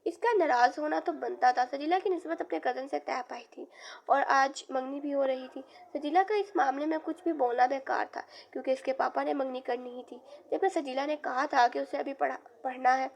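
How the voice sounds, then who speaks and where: A woman with an Urdu accent narrating a romance novel aloud, reading every character's lines in the same soft reading voice. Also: sits high, moderate pace, gravelly, muffled recording. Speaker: audiobook narrator.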